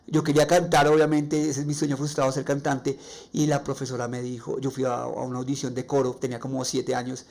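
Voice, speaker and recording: A man with a Colombian accent and a nasal, raspy voice, hosting a faith-based podcast monologue and sharing personal stories earnestly. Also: mid-range voice, completely flat delivery, brisk, a little mellow. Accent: Colombian Spanish. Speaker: podcast host.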